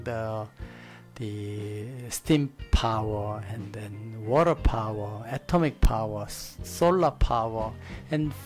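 A middle-aged man with a Korean accent, a native Korean speaker giving an informal, reflective presentation in halting English at a desk microphone. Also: mid-range voice. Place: studio desk with a virtual set. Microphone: desk gooseneck microphone.

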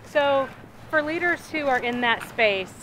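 A woman's voice: sits high, animated, measured pace, a bit bright, poor audio. A woman in her thirties interviewing a colleague with friendly, affirming questions while walking through a park. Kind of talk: outdoor walk-and-talk interview. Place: outdoor city park. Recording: outdoor traffic noise.

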